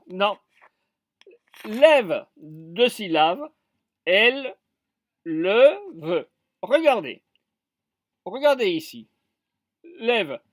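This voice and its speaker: A woman's voice: fairly high pitch, no echo, studio quality. A woman teaching French spelling and accents to Spanish speakers, spelling out letters one by one and repeating words. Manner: switches to Spanish to explain. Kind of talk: classroom lesson.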